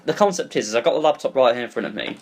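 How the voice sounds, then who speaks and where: Fast-talking young British man, casual podcast host. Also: mid-range voice, a little hiss or hum. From Britain. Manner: rapid, animated storytelling with many restarts. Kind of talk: casual chat.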